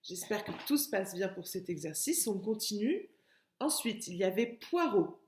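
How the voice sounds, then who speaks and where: A woman's voice: medium pitch, very animated, normal speed, darkish tone, echoey room, slight background noise. A woman with a French accent teaching young children in a recorded remote lesson, patiently repeating words and splitting them into syllables. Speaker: kindergarten teacher.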